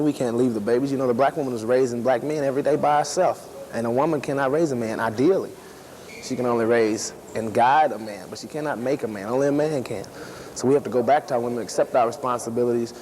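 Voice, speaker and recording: A man's voice: mid-range voice, fast, darkish tone, low-quality recording. Preachy emphatic man speaking outdoors. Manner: preachy, emphatic, repeating phrases. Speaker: interviewee. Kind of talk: street interview opinion.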